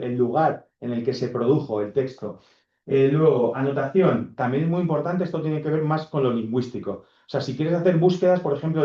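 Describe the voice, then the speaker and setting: A man's voice: mid-range voice, dark tone. A man lecturing a class, explaining step by step and often checking in with his students. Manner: explanatory, checks in with frequent "¿vale?". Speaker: university lecturer. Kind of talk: classroom lecture on corpus linguistics. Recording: echoey, dull lecture room recording.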